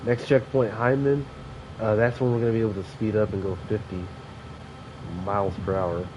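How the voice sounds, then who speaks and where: Level in tone and on the low side, a young man's voice moves at a moderate pace as he plays and commentates a train sim. He sniffles from allergies and rambles loosely, using many fillers and self-corrections; the lo-fi mic sounds dull, with clear background noise.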